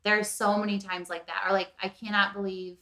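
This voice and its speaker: A woman's voice: medium pitch, flat delivery, a little fast, bright, forceful tone, roomy sound. A woman co-hosting a podcast who rambles casually and fills her speech with "like". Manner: rambling, heavy use of "like". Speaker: podcast co-host. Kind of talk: casual chat.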